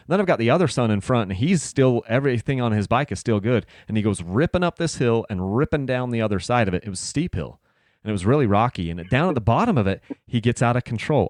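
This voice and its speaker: A man hosting a podcast, telling a personal story casually and earnestly, dropping soft and low in tense moments. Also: dry recording, studio quality. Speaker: podcast host.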